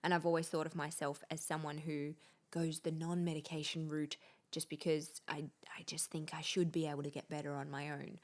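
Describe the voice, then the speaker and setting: A woman co-hosting a podcast, asking questions and chiming in with quick agreement. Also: low-pitched, level tone. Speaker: podcast co-host. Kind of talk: casual chat.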